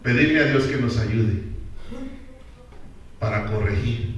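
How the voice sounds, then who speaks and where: A man's voice: mid-range voice, takes it slowly, dull audio, a little hiss or hum. A man preaching a sermon as a pastor, emphatic and often putting questions straight to the congregation. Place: church hall. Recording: very echoey church hall from far off.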